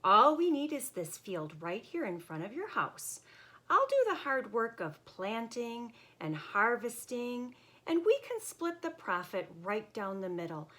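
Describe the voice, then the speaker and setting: A woman performs a full character voice as a clever, chipper male hare in a children's storybook. Very animated and a bit bright, she keeps a measured pace while the hare eagerly and persuasively pitches to his neighbor.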